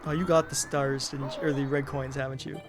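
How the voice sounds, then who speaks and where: A man co-hosting a game stream, playing and chatting casually, quick to laugh. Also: mid-range voice, level tone, music in the background. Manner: giggly, quick to laugh at his partner. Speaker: streamer co-host.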